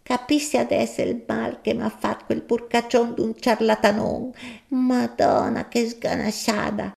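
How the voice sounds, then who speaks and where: A man's voice: very high-pitched, little pitch movement, a little slow, vocal fry, a little mellow, voice pushed up, heavily acted. A man reading a story, voicing an indignant older countrywoman who complains in Lombard dialect. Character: peevish older countrywoman Martina, grumbling.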